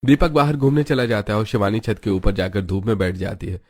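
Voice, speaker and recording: A man giving scripted narration for an animated story in a steady manner. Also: lowish voice, fairly quick, dry recording.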